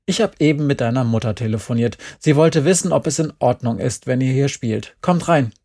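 A friendly, welcoming mother, as a male reader puts her on chats easily at the door. The voice stays close to his own, with a gravelly texture. The reading is unhurried and relaxed. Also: mid-range voice, natural voice. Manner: warm and chatty.

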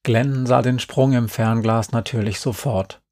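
A man calmly reading a first-person story aloud. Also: mid-range voice, unhurried, no room sound, clean studio sound. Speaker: audiobook reader.

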